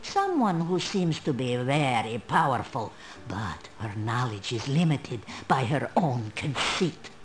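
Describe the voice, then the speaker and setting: Old female fortune teller, video game character, slow solemn delivery, sweeping intonation, mysterious, proud. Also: a bass voice, big pitch swings, slight background noise, heavily acted.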